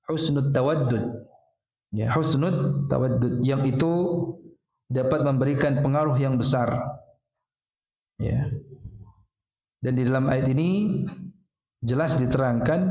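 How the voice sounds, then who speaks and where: Preacher with a mellow voice, echoey hall. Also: male voice, mid-range voice. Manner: explains by asking and answering his own questions, frequent "ya". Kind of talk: mosque study sermon. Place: mosque hall.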